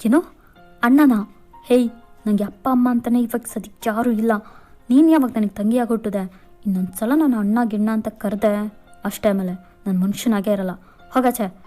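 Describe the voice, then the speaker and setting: A woman's voice: on the high side, normal speed, long pauses, dark tone, faint music behind, natural voice. A woman voicing a young man who is hurt and irritable, snapping orders and scolding in a fan-fiction voice-over. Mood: gruff, bossy. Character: gruff injured young man, bossy and irritable.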